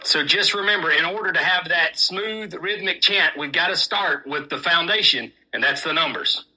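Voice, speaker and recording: A man who is an auctioneer, teaching how to chant numbers in a brisk, rhythmic instructional way. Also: fairly high pitch, sharp tone, poor audio. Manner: brisk, rhythmic counting drills. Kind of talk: instructional demonstration.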